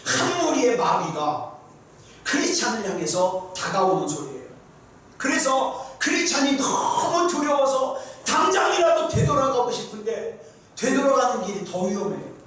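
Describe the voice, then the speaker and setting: A man's voice: very high voice, sing-song, moderate pace, fairly bright tone. A male pastor preaching a sermon, telling a story and firing rhetorical questions at the congregation. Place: church sanctuary. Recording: echoey sanctuary, mic far off.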